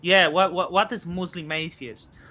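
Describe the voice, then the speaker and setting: A man in his thirties hosting a casual crypto chat, halting with many fillers and restarts. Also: high voice, fairly even intonation, bright, forceful tone. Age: 30s. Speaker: host.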